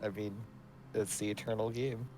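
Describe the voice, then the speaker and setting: A man's voice: fairly low pitch, fairly even intonation, normal speed, mellow, slight background noise. A man co-hosting a live stream, chatting casually with dry, brief jokes. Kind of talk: casual chat while watching a live stream.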